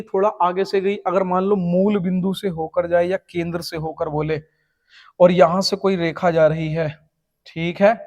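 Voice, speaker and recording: High-voiced man teaching math, echoey. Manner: explains step by step, keeps checking students follow. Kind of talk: exam-prep math lecture.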